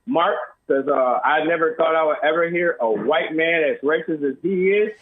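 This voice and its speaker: A man's voice: a little high, normal speed. Guy calling in, plain-spoken, big canyon echo off empty walls, phone-line sound. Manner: plain-spoken, casual slang. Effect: canyon-like echo of an empty room. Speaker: caller. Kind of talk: call-in talk. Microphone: phone on speakerphone. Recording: tinny speakerphone in an empty echoing room.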